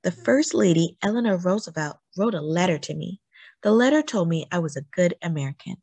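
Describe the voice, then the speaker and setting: Here a woman narrates a children's book with expressive, carefully phrased storytelling and purposeful emphasis. Her voice is on the low side with a breathy edge, and the recording is dry.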